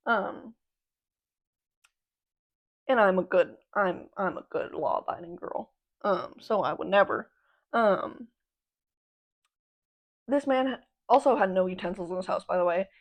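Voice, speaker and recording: A woman's voice: mid-range voice, a little slow, pauses often. A young adult woman hosting a podcast, rambling in casual slangy chat, swearing freely and laughing between remarks. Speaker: podcast host.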